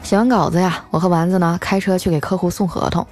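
A woman host telling a funny story in a lively, chatty way, dropping in many little filler particles. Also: lowish voice, quick pace, soft background music. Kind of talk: comic storytelling.

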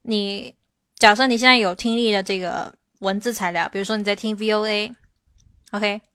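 A woman English teacher answering viewers' questions in a livestream, explaining slowly and stressing her English examples. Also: mid-range voice, fairly even intonation, sharp tone, clear, resonant tone, no echo. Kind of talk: livestream Q&A lesson.

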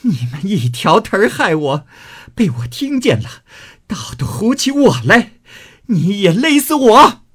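A man's voice: unhurried, pauses often, a little mellow. A man voicing a furious, jealous young noblewoman who screams and shrieks. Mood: screaming rage. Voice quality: shrill screaming.

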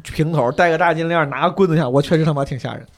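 Fast-talking high-voiced man telling stories. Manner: animated, profane storytelling. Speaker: podcast co-host. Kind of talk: casual podcast chat.

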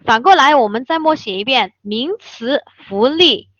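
A woman whose first language is Chinese, teaching an English word in a slow, patient lesson, spelling out the letters one by one. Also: sits high, expressive, fairly bright tone, no room sound. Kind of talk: spoken vocabulary lesson. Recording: dull lo-fi dry recording.

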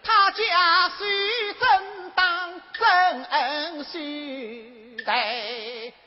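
A grieving young opera heroine in a very high voice, stretching each sung syllable slowly. An opera band plays loudly behind her. The stage recording is dull and lo-fi. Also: soft background music, exaggerated voice. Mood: sorrowful. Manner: slow drawn-out sung phrases. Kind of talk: Xi opera singing. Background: opera band accompaniment.

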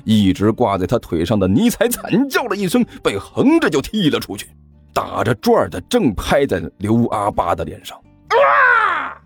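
A man, narrating a comic audiobook in a lively storytelling manner. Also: lowish voice, slightly rough, soft background music. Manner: lively storytelling, slow delivery.

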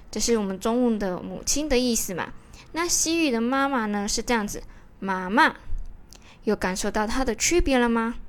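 A woman who teaches pronunciation in a casual online lesson, friendly and chatty, ending her lines with soft particles. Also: on the high side.

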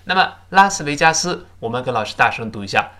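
Middle-aged male teacher, animated delivery, slows down to model English words, patient repeat-after-me drills. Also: medium pitch. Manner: models English words slowly and loudly, then explains in Mandarin; patient, repeats drills with "let's read it again". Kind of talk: spoken English lesson, explaining pronunciation and grammar.

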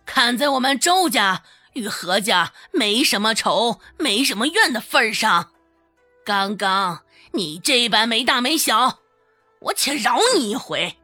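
A woman's voice: on the high side, animated, unhurried, sharp tone, soft background music, full character voice. A woman voicing a cold, stern old matriarch who scolds curtly in an audiobook drama.

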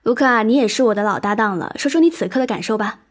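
A woman's voice: a little high, fast, lightly acted. A woman playing a chirpy TV co-host. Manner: chirpy, asks prompting questions. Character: eager female TV co-host. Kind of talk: audio drama acting.

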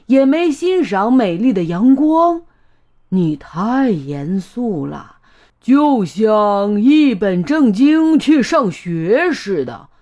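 A woman's voice: a little high, a little mellow, heavily acted. A woman playing a sly coaxing wolf. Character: smooth-talking male big bad wolf. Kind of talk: storybook voice acting. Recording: dull lo-fi recording.

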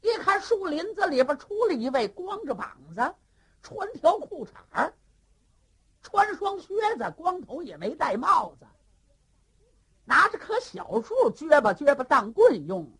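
A storyteller narrating a classic historical tale in a colloquial, animated way. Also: sits high, measured pace. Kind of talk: traditional storytelling.

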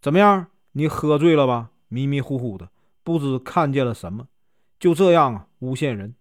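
A man's voice: medium pitch, lively intonation, moderate pace, no room sound, clean studio sound, close to an everyday voice. A man voicing a teasing, coaxing young fox woman in a storybook tale, with a Northeastern Mandarin accent.

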